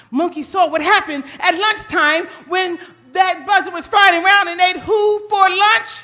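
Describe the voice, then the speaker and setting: High-voiced, high-energy woman storyteller. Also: pushed and bright. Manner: high-energy, dramatic, quizzes the audience. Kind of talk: interactive folktale storytelling for children.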